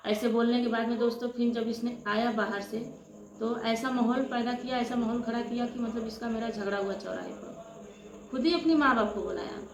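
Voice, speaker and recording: A woman's voice: on the high side, steady tone, normal speed. A woman vlogger tells her own story to viewers with passion, often calling them friends. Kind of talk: emotional personal storytelling to viewers. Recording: echoey room with loud ambient noise.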